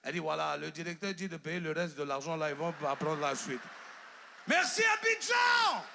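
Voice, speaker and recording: A man in his thirties with an Ivorian French accent, doing stand-up comedy on a theater stage and telling stories with animated quoted voices. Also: a little high, fast, creaky, a little hiss or hum.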